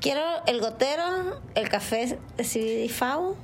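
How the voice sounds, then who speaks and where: A woman's voice: sits high, lively intonation, moderate pace, a little hiss or hum. A young woman with a northern Mexican accent hosting a podcast, chatting casually in crude, informal slang. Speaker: podcast host. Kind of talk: casual chat.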